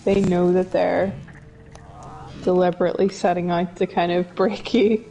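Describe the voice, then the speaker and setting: A woman's voice: on the low side, little pitch movement, normal speed, warm tone, faint music behind. A woman co-commentating on a video game in a casual, teasing, conversational way. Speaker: co-commentator watching a playthrough. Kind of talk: casual chat over gameplay.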